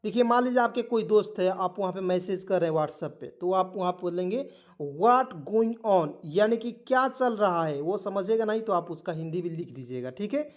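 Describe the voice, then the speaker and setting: A man's voice: sits high, expressive, brisk, hardly any pauses. Hindi-accented man teaching English, repetitive. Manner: repetitive, keeps asking "ठीक है" and quizzing; spells words letter by letter. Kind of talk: online spoken-English lesson.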